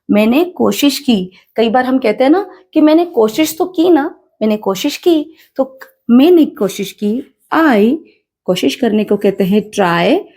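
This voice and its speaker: Slow-spoken Indian woman teaching English. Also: a little high, a little mellow. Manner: slow, repeats each phrase, asks the class questions.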